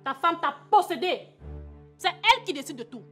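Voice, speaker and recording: A defiant, bitter sister-in-law. Her high voice leaps around in pitch as she hurls accusations, over faint music. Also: very animated, moderate pace, a bit bright, full character voice. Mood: accusing. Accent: Cameroonian French. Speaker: husband's sister.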